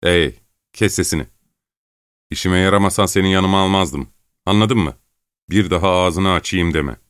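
A rough vagabond snarls threats and orders in a deep, gruff voice, as a male narrator puts him on. The storybook audio is dry and close, with no room sound. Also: moderate pace, a bit bright, no room sound. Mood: harsh.

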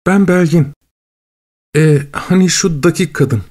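A man's voice: a little high, measured pace, a little mellow, voice pushed up, natural voice. A man voicing a cheerful, chirpy young woman on the phone in an audiobook story. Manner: bubbly, chirpy, eager.

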